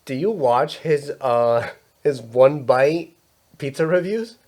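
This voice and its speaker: A man's voice: mid-range voice, lively intonation, slow, a little mellow. Young male podcast host, casual, profane, rambling storyteller. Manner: rambling storyteller, swears often, acts out quotes.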